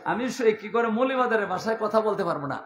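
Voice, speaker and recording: A man's voice: sits high, lively intonation, fast talker, a bit bright, roomy sound. A man preaching a story-filled sermon with a Habiganj Bengali accent, in a passionate, chanting cadence full of repetition. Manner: impassioned, chanting cadence with repeated phrases.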